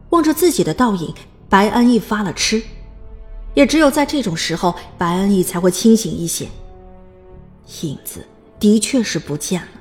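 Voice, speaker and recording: A woman's voice: medium pitch, darkish tone. A woman reading scripted, dramatic story narration as an audiobook narrator.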